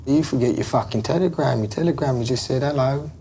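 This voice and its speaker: A man playing a gravelly, volatile gangster. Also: mid-range voice, a little fast, a little hiss or hum, close to an everyday voice. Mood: menacing. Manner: rambling, swings from loud jovial bluster to menacing whispers. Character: volatile London gangster, bakery-distillery boss, middle-aged man.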